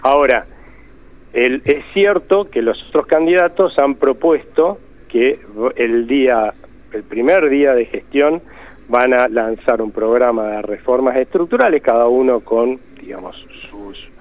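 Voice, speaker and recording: A man's voice: mid-range voice, unhurried. An Argentine man being interviewed as an economist, explaining emphatically and often rephrasing himself. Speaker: economist guest. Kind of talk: interview answers. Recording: tinny phone line.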